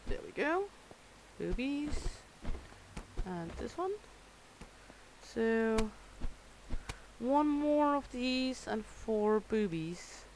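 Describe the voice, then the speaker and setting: A woman's voice: fairly high pitch, sing-song, extremely slow, long pauses, darkish tone, slight background noise, low-quality recording. A woman playing a cooking game, talking to herself as she works and swearing at impatient customers in a playful way. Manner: playful, talks to herself while working. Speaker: gamer playing a cooking simulation. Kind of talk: casual gameplay commentary.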